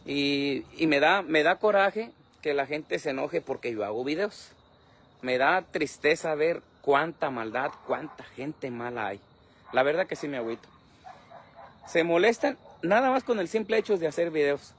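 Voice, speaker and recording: A man's voice: fairly high pitch, expressive, moderate pace, fairly bright tone, a little hiss or hum. A man, filming himself outdoors at night on a phone held at arm's length, complaining in an aggrieved, repetitive way. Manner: aggrieved, repetitive, talks to his dog. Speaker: social media creator. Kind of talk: selfie video rant.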